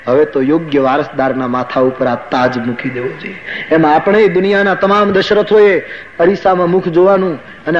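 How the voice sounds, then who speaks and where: A man preaching a sermon to a gathering, telling it like a story and acting out the people in it. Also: on the high side. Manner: storytelling with quoted asides. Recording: dull lo-fi recording with faint hiss.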